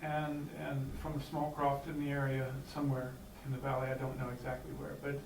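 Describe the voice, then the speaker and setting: A clan member from the United States makes hesitant, unscripted remarks from the floor in a meeting room, stumbling through fillers and restarts. His mid-range voice is monotone, fairly quick, and edged with vocal fry. The hall echoes, the mic is distant, and there's a faint hiss.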